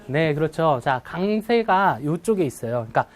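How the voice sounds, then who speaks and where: A man teaching an English test-prep class to live students, often checking in with questions and slowing down to model phrases. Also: fairly high pitch, lively intonation. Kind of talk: classroom lecture.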